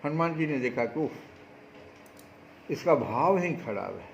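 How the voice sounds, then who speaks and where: Guy preaching a spiritual talk, bit high voice, asks the crowd questions, muffled recording with faint background noise. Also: a little slow, gravelly, roomy sound. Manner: animated preaching with rhetorical questions. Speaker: spiritual speaker. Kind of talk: devotional discourse.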